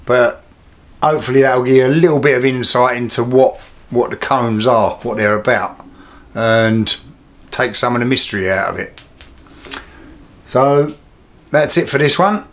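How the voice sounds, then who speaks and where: A British man talks through a hands-on demonstration as the host of a hobby video. His delivery is informal and low-key, with plain, unpolished phrasing and an average male pitch. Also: steady tone, normal speed.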